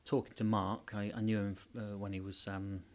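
A man, a heating engineer, talking casually in an interview, hesitant with many pauses and restarts. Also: on the low side, flat delivery.

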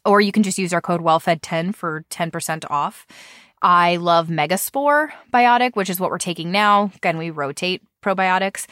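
A woman's voice: fairly low pitch, fairly bright tone, dry recording, clean studio sound. A woman co-hosting a podcast, giving casual advice in a reassuring, emphatic way and repeating key phrases. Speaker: podcast co-host reading listener questions and giving advice.

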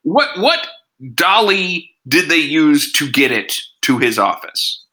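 A man's voice: fairly high pitch, very animated, takes it slowly, sharp tone, poor audio. A man hosting a casual podcast reviewing TV episodes, chatty and sarcastic, with lots of asides. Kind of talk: casual chat.

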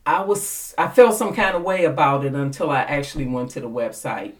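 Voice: medium pitch, a little fast. An interview host asking rambling questions full of fillers and restarts, in casual conversation. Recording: voice distant from the mic.

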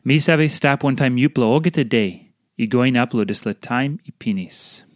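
A man's voice: mid-range voice, normal speed, no room sound, clean studio sound. A man with a Papua New Guinean accent reads a scripted devotional in Papua New Guinea pidgin, earnestly and phrase by phrase. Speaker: devotional reader.

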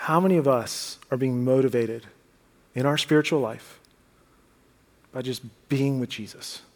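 A man's voice: medium pitch, unhurried. A man preaching a sermon as pastor, earnest and conversational, asking the congregation rhetorical questions. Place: church sanctuary. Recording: long church hall reverb.

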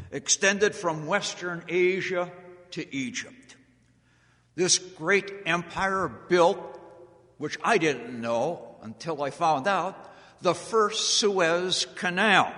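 American male speaker for a history talk: slow, deliberate, theatrical pauses, big echoey hall. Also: on the high side, sharp tone. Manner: deliberate, dramatic, with emphatic pauses. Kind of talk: public storytelling speech on history. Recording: echoey hall with long reverb.

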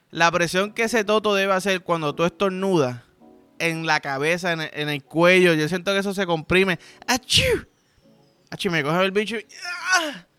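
A man's voice: sits high, sharp tone, clean tone. A young Puerto Rican man hosting a podcast, telling a crude comic story in a casual monologue with acted sound effects. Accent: Puerto Rican Spanish. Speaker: podcast host.

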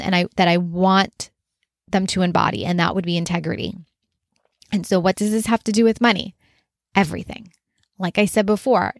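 A woman's voice: medium pitch, no echo, clean studio sound. A woman business coach talking earnestly in a casual solo monologue, often using filler words like "like". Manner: earnest, conversational, frequent "like" fillers.

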